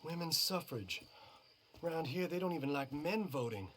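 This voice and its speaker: A man's voice: on the high side, animated, normal speed, fairly bright tone, slight background noise. An earnest young man in a video game, always on edge. He pleads and frets, and his voice swings widely up and down. He speeds up when worked up. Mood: anxious. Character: nervous young man from a rough family, earnest. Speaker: game character. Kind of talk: video game cutscene acting.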